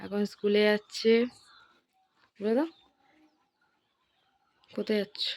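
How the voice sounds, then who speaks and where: A woman's voice: medium pitch, level tone, takes it slowly, a little mellow. A woman in her thirties filming a home vlog, coaxing and calling to her children as she gets them ready. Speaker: vlogger and mother.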